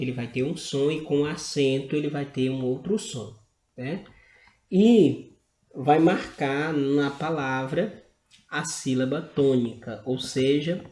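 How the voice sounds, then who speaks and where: Slow, patient Brazilian man teaching grammar. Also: mid-range voice, a little mellow, echoey room. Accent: Brazilian Portuguese. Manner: slow, explanatory, frequent "né?" tag questions. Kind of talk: slide-based grammar lesson.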